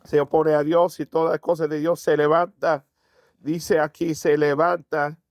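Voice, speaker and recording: A man preaches a sermon to his congregation, his voice sitting fairly high. He keeps asking rhetorical questions and answering them himself. The sound is dry and close, with little room around it. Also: flat delivery, unhurried, dry recording. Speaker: pastor.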